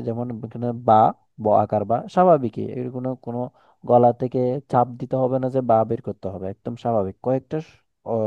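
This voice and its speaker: A man's voice: medium pitch, dry recording, muffled recording. A man with a Chittagong Bengali accent teaching Quran letters one on one, explaining patiently with repetition and examples.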